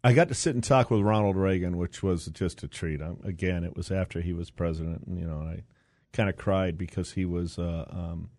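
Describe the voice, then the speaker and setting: A man's voice: sits low, fairly quick, darkish tone, no room sound, clean studio sound. An older man, a guest in a casual interview, telling stories in a rambling way with many fillers and restarts. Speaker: interview guest, university board president.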